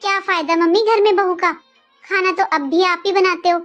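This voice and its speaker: Young sister-in-law figure, woman voicing, very high voice, needling, insistent, faint music behind. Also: fairly even intonation, moderate pace, fairly bright tone, lo-fi sound.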